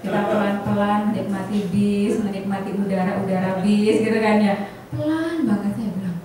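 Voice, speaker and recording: A woman, an insurance agent telling colleagues a personal story in an animated way, acting out the dialogue and often turning to the audience. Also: medium pitch, normal speed, a crowd in the background. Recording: echoey hall from far off, faint noise.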